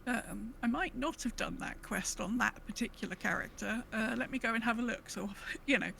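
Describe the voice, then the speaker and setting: Her voice is on the high side and creaky, at a moderate pace, with slight background noise. She co-hosts a gaming podcast, chatting casually in a rambling, self-interrupting way and retelling things animatedly with quoted asides.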